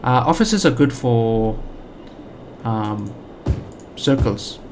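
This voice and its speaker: Music plays under this South African man's expressive, mid-range voice, and he draws his words out. As a gaming channel host doing a casual let's play, he thinks aloud with lots of fillers and restarts.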